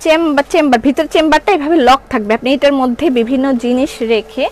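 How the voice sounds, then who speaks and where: The recording is low quality, and the voice is high-pitched, a little mellow and fast. It belongs to a middle-aged online seller with a Bangladeshi Bengali accent who sells clothes on a live stream, chatting and responding to viewer comments.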